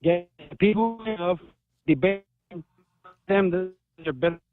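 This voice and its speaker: A man's voice: high-pitched, slow, crowd noise. A man calling in to a radio show over a garbled digital phone line that makes him sound half robotic, earnestly pushing his point in casual chat. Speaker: radio call-in caller.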